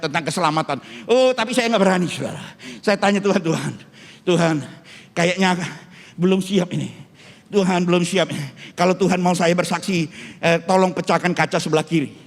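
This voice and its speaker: A middle-aged man, a pastor, preaching a sermon and telling a story to his congregation. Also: fairly high pitch. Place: church hall. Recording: long church hall reverb.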